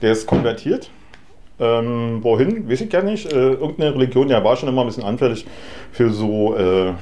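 A man's voice: medium pitch, animated, moderate pace, dark tone. A man, co-hosting a casual podcast, agreeing constantly and cracking dry, crude jokes. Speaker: podcast co-host. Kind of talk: casual chat.

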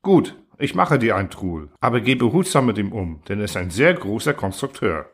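A fussy, admonishing wish-granting machine, as a man reads it aloud in a storybook. It lectures with a lively, rising pitch. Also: a little fast, slightly rough, heavily acted.

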